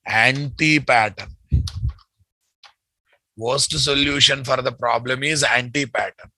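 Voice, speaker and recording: A software instructor with a Telugu Indian English accent teaches a live technical class, dictating notes, repeating phrases, and quizzing listeners with checking questions. His medium-pitched voice is steady, slow, pushed and bright, in a dry, rough recording.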